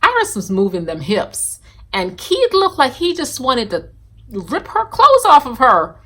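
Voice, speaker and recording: A woman from Guyana talking casually to camera in an animated, sassy way, reviewing a reality TV show and giving her predictions. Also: high voice, unhurried. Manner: animated and sassy, with bursts of laughter and scolding. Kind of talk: casual opinionated chat to camera.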